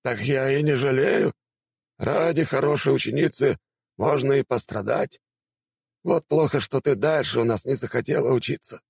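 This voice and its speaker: A spry, jovial old schoolteacher who drawls and exclaims with relish, as a narrator puts him on. The voice is gravelly and husky, pitched higher than the reader's own. It is recorded dry and close, like a storybook. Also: male voice, moderate pace, darkish tone, no echo. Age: older. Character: spry old male teacher, jovial and warm.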